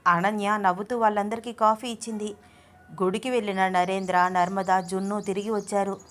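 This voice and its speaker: A woman narrating a romance story aloud at a gentle, even reading pace. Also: medium pitch, normal speed.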